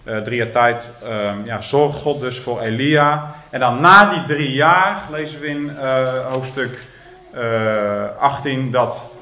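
A man's voice: medium pitch, takes it slowly, sharp tone. A man preaching a sermon, retelling a Bible story with dramatic emphasis and hesitant fillers. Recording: roomy, dull recording.

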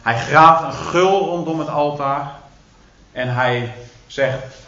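A man's voice: a little high, slow pace, creaky, sharp tone. A man preaching a sermon, retelling a Bible story with dramatic emphasis and hesitant fillers. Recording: roomy, dull recording.

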